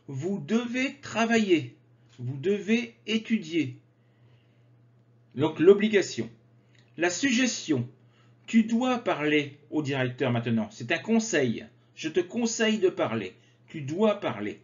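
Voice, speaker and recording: A man teaching French grammar, slowly and carefully articulating conjugation drills. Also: on the high side. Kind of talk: slow grammar lesson with drills. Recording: slightly dull lo-fi sound.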